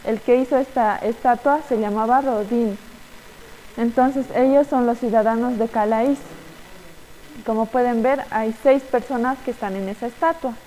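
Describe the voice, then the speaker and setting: A young woman, teaching children and telling a story in a halting way, with many fillers and tag questions. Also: on the high side, steady tone, warm tone, long reverb tail, a little hiss or hum, low-quality recording. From Bolivia. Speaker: children's Sunday school teacher.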